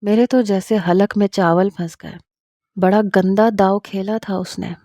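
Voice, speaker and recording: Mellow woman narrating a story. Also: mid-range voice, fairly even intonation, no room sound, clean studio sound. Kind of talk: scripted first-person story narration.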